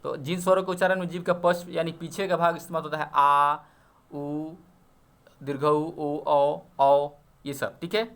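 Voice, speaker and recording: A man's voice: a little high, level tone, moderate pace, clear, resonant tone. A man teaching an exam-prep grammar lesson, explaining step by step and checking often that students follow. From Bihar.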